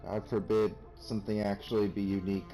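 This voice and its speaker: A man talks over his gameplay in a low, mellow voice, rambling from one wry joke to the next. He mocks himself and the game in a casual, offhand way. Faint music plays behind him. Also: level tone, a little fast, rough recording. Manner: wry, rambling, self-mocking jokes. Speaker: let's play commentator.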